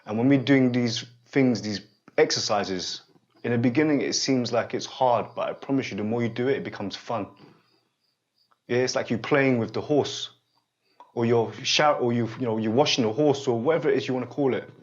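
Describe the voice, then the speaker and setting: During a spontaneous one-to-one guidance session, a man in his forties working as a holistic therapist speaks to his student at medium pitch. He hesitates, repeats himself, and frequently stops to make sure he's understood. Audio is muffled and lo-fi.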